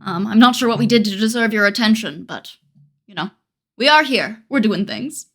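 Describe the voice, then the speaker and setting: A woman's voice: medium pitch, animated, moderate pace. A young adult woman chatting casually on a live stream, rambling with dry, self-mocking humor and frequent laughs.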